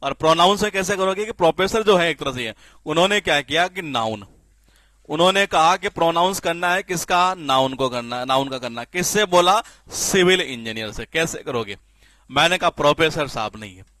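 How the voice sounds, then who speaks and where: A man teaching spelling in a classroom-style lecture, lively and repetitive, often asking the class questions and answering them himself. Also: a little high, normal speed, no echo. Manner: lively, repeats questions to the class, frequent filler "ye".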